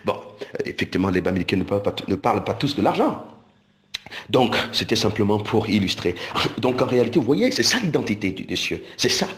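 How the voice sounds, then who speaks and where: A man from Cameroon, preaching a recorded sermon with animated delivery, repeating and restarting words and slowing down for emphasis. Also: fairly low pitch.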